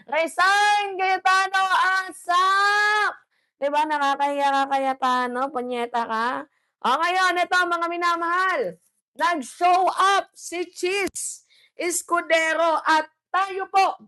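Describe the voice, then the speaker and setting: Woman, high voice, emphatic political commentary, scolding tone, mixes in English. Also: bright, forceful tone. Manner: emphatic and scolding, mixing English phrases into her talk. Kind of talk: heated political commentary vlog.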